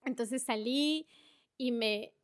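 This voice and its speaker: A woman, a podcast guest telling a travel story in a chatty, animated way with many fillers. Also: on the high side, slow pace, no echo, studio quality. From Ecuador. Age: 20s. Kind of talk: casual storytelling in conversation.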